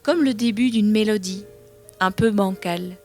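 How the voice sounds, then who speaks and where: A woman reading a children's storybook aloud, softly and expressively. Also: mid-range voice, moderate pace, soft background music.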